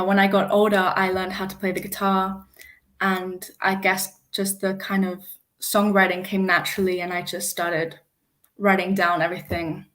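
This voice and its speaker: A young woman in her late teens answers interview questions with a medium-pitched voice. She sounds modest and easygoing, with a relaxed, friendly way of talking. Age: young adult. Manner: modest, easygoing, laughs lightly. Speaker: guest singer-songwriter.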